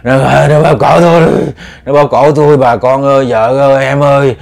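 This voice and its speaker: A man voicing a terrified, haunted older village man who shouts desperately. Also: medium pitch, fairly even intonation, normal speed, gravelly, natural voice.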